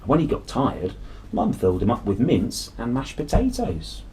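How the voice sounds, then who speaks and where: Here a male storybook reader narrates a children's tale expressively, his mid-range voice swooping wildly in pitch at a moderate pace. The tone is mellow, the emphasis dramatic, the delivery playful, and a faint hiss or hum sits under the recording.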